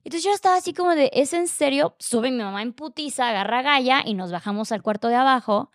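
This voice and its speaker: Animated Mexican woman recounting a story. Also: a little high, fast talker, no echo, clean studio sound. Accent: Mexican Spanish. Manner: animated, acts out quoted voices, lots of fillers. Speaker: podcast guest telling her story. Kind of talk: casual conversational storytelling.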